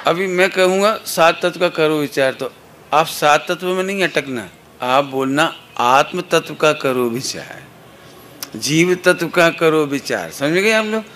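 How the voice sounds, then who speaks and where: Bright-voiced man leading children's chants. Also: fairly high pitch, lively intonation, a little slow, slight background noise. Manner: playful, coaxing, leads slogans in rhythmic counts. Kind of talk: call-and-response chanting lesson for kids.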